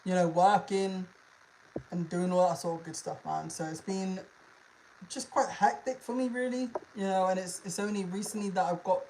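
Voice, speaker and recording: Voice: medium pitch, steady tone, moderate pace, darkish tone, a little hiss or hum, poor audio. A livestream host, chatting casually in an informal, slangy, sweary way and often repeating phrases. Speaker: livestream host, animal content creator.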